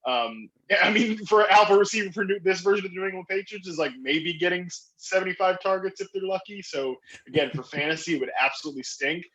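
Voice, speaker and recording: A man whose voice sits high talks fantasy football as an enthusiastic podcast guest, fast and excitable, with frequent fillers and self-restarts. The highs in the recording are cut off.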